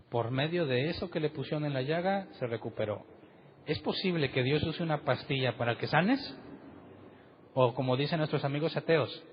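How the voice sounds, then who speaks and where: A man's voice: mid-range voice, long reverb tail, muffled recording, slight background noise. A man preaching a conversational sermon as pastor, putting rhetorical questions to his congregation in a church meeting room.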